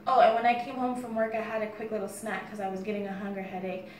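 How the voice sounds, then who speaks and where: A woman's voice: mid-range voice, little pitch movement, fast, darkish tone. An American woman in her thirties chatting casually to the camera as a fitness vlogger. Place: bare-walled room indoors. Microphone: phone camera a few steps away. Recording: echoey room with faint background noise.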